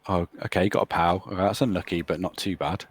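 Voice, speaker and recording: A man's voice: deep voice, fairly even intonation, fast talker, breathy edge. A man casually recapping his tabletop game matches, talking hesitantly with many restarts. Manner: hesitant, restarts sentences, trails off. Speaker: Blood Bowl player recapping his games. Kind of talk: casual chat over game replay.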